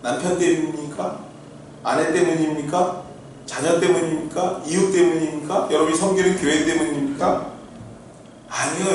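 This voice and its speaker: A middle-aged male pastor delivers an earnest, conversational sermon and asks his congregation questions. His voice sits high for a man. It is picked up from a distance in a very reverberant church hall. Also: slight background noise. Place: church sanctuary. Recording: very echoey hall, heard from far off.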